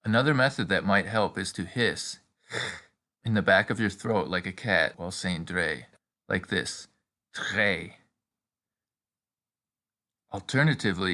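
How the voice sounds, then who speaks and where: A man's voice: deep voice, moderate pace, pushed and bright. A man narrating a scripted step-by-step pronunciation tutorial in an encouraging, instructional manner.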